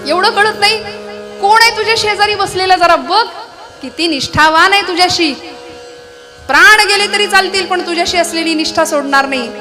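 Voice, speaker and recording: A woman's voice: very high voice, normal speed, music in the background. A woman voicing a sly, scheming old uncle who needles and urges a young prince, within a sung Marathi kirtan. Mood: needling. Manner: needling, condescending, urging.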